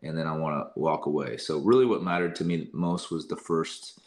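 A man's voice: very deep voice, a little fast. A young man, a singer and guest, telling stories in a casual interview and often quoting himself. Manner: lively storyteller, quotes himself often.

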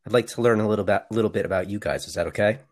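A man's voice: fairly low pitch, rapid-fire. A middle-aged man who is a guest on a casual podcast, talking in a blunt, jokey way and teasing his co-host.

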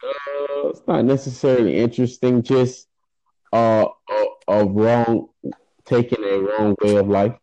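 A man's voice: medium pitch, flat delivery, a little slow, warm tone, dry recording, highs cut off. A man hosting a casual chat with strangers, laid-back and teasing. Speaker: host chatting with strangers.

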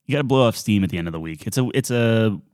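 Man, lowish voice, dry close mic, joking podcast co-host, loose banter. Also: animated, fast talker, a little mellow, dry recording. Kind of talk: casual chat.

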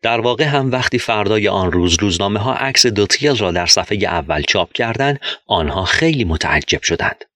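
Deep-voiced man reading a story aloud. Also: pushed and bright, dry recording, studio quality. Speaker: audiobook narrator. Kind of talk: scripted storybook narration.

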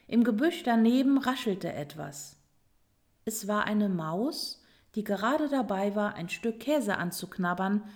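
A woman reading a children's storybook aloud in a calm, expressive way. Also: medium pitch. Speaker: narrator.

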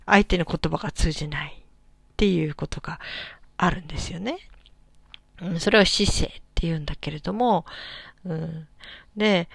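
Soft-spoken woman musing aloud. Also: lowish voice, creaky, no room sound, clean studio sound. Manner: gentle, musing, many soft fillers. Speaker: solo podcast host. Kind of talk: casual solo talk.

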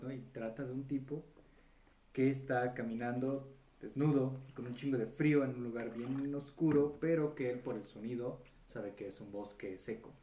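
A man's voice: mid-range voice, warm tone. A man telling a story in casual, rambling chat, full of slang and filler words. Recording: roomy echo with faint background noise.

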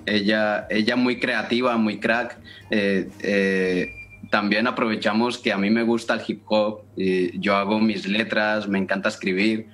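A man's voice: on the low side, little pitch movement, unhurried, fairly bright tone. A man who raps at his church, talking earnestly in a casual interview with frequent fillers. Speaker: church member and rapper.

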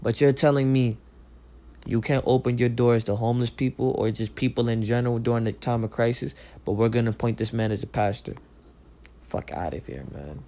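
A man's voice: medium pitch, flat delivery, brisk, dark tone. Man ranting casually, profane and rambling. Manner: profane, rambling, heated, repeats "like". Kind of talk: casual rant.

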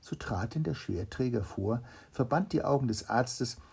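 A man reads an old fairy tale aloud to a child. His voice is low and gravelly, with a mellow, dark tone and a breathy, husky edge. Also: expressive, normal speed. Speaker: storyteller.

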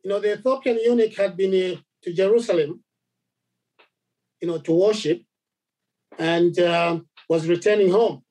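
A man from Zambia preaching a sermon, halting, with many repeated words and fillers. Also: sits high, darkish tone, poor audio.

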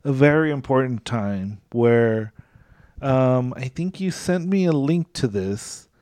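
A male podcast host chats at an unhurried, slow pace, relaxed and quick to laugh. His voice is smooth and clear. The sound is dry and close. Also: mid-range voice, no echo. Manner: relaxed, frequent backchannel and laughter. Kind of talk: casual podcast chat.

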